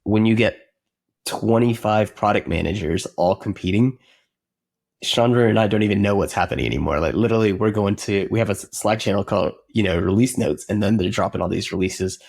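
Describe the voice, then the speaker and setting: A man with a fairly low voice talks as an interview guest about building his company. He is earnest and reflective, often circling back with "you know" and restarting his phrases mid-thought. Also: brisk, gravelly, a little mellow. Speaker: software company co-founder, guest. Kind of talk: casual conversational interview.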